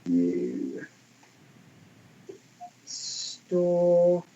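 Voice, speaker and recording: A man's voice: sits high, wildly swooping pitch, drawn-out words, warm tone, slight background noise. Man teaching, voice cutting out on call. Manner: patient, instructing, repeats directions. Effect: voice cutting out on a bad internet connection. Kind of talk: guiding a class in an online virtual space. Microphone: computer mic on an online call. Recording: dull lo-fi call audio with dropouts.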